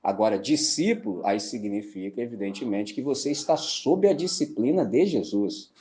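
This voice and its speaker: Animated Brazilian male pastor preaching. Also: lowish voice, moderate pace. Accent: Brazilian Portuguese. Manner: colloquial, keeps asking "entendeu?"; animated storytelling with mimicked voices. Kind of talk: sermon.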